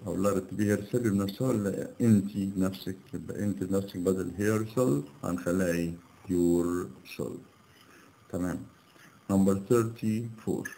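A male English teacher with an Egyptian Arabic accent reviewing an exam. He reads each English sentence slowly, then explains it in Arabic and asks his students questions that he answers himself. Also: low voice, gravelly, warm tone, slight background noise, low-quality recording.

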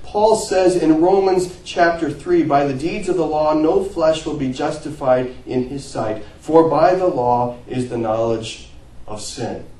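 Male pastor, mellow tone, earnest sermon delivery, recorded from a distance in an echoey church. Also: fairly high pitch. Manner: earnest preaching, rising to emphatic peaks and dropping to quiet phrase ends. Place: church sanctuary.

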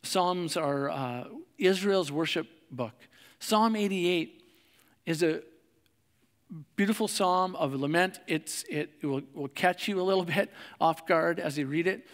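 A man preaching a sermon in a conversational way, with fillers and restarts, and slowing softly on reflective lines. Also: high-pitched, in a large hall. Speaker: pastor. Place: church sanctuary.

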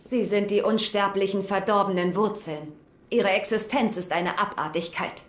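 A woman's voice: medium pitch, steady tone, normal speed, lightly acted. A grave, fretful gnome alchemist, voiced by a woman for a dubbed video game. Her voice carries a roomy echo. She talks of danger with serious weight. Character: worried female gnome alchemist, former head alchemist. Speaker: game character. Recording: echoey game audio.

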